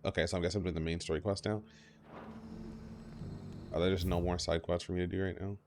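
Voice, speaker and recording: Low, gravelly streamer guy. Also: level tone, fast talker, over music. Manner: rambling and profane, talks to his chat. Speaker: game streamer. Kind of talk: casual live-stream chat. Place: home streaming setup. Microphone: mic just below the mouth.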